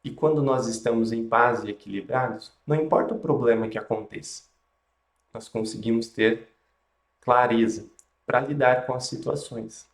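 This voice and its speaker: A man with a Brazilian accent teaching yoga and meditation on a live stream, speaking in a gentle, calm, instructional way with unhurried pauses. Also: medium pitch, roomy sound. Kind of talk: calm instructional talk and guided relaxation.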